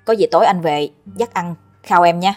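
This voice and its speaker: Woman reading as a brisk, caring older brother. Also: on the low side, a little mellow, faint music behind, natural voice. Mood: reassuring. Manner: brisk, reassuring.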